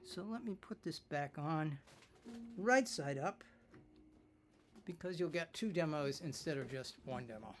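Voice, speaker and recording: A man's voice: a little high, lively intonation, a little slow, long pauses, soft background music. A man giving a casual hands-on instrument demonstration, chatty and self-mocking, thinking aloud while he tinkers.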